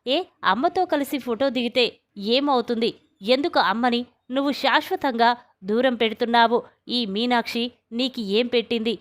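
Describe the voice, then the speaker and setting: Brief: a bitter young woman hurling questions, read by a woman narrator, clear and high. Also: normal speed, natural voice. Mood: accusing. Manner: accusing, shrill questioning. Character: bitter young woman accusing her family.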